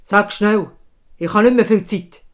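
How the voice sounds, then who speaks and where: A woman's voice: medium pitch, a little slow, a little mellow, lightly acted. Sex: woman. Figure: a woman doing a proud, impatient king. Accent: Swiss German. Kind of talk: storytelling.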